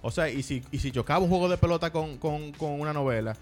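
A man's voice: on the high side, fast talker, darkish tone, faint music behind. A man with a Dominican accent telling stories in casual, slangy banter as a podcast co-host.

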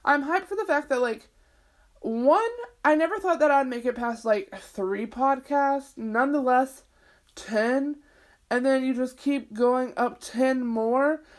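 A woman in her twenties with a voice that sits high takes her time as she hosts her podcast. She's chatty and rambling, swears freely, fills her speech with "like," and sounds sniffly, as if her throat itches.

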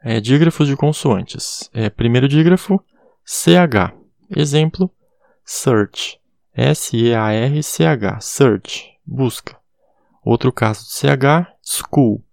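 A man's voice: medium pitch, creaky, darkish tone, no room sound, clean studio sound. A man giving a casual recorded English lesson, spelling words out letter by letter and checking in with "tá bom?". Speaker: English teacher.

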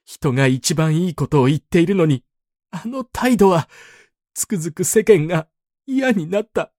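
A man reading a story aloud, voicing a weepy, rough-talking grown man who rambles and repeats himself through sobs. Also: on the high side, brisk, a little mellow, no echo, clean studio sound, natural voice. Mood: sobbing.

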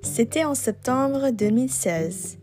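A young woman from Vancouver, co-hosting a podcast in learner French and pausing often to search for words. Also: sits high, expressive, over music. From Vancouver, Canada. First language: English. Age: young adult. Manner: hesitant, many "euh" fillers. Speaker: podcast co-host. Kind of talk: casual chat in learner French.

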